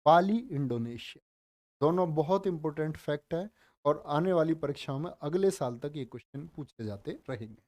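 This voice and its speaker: A man teaching a live online general knowledge class, speaking slowly and deliberately, repeating facts and quizzing his viewers, with joking asides. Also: a little high, lively intonation, a little mellow, no room sound, studio quality. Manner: calls viewers "dear children", joking asides. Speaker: online exam-prep teacher.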